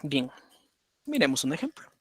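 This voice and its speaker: In a husky, rather high voice, a very animated man lectures on automata at a moderate pace, drawing at his computer and explaining step by step. He keeps using "por ejemplo" and asking "¿verdad?", and the audio is dry.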